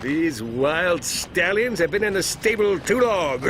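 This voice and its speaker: An actor playing a pompous, cowardly, bumbling space hero captain in a bombastic, theatrical video game style. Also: male voice, sits high, noisy background. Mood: boastful. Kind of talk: animated game voice acting. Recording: music behind the voice.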